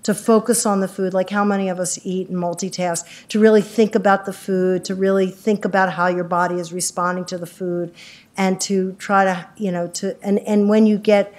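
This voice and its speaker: A woman's voice: mid-range voice, level tone, normal speed, a little mellow. A middle-aged woman psychiatrist giving an informal community talk, chatty and self-deprecating, with lots of fillers and restarts. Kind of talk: informal lecture.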